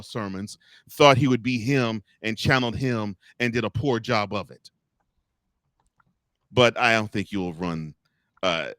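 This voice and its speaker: Male sports podcast host, teasing and animated, dry close recording. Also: fairly low pitch, dry recording. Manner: animated and teasing, many restarts, laughs often. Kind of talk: sports talk commentary.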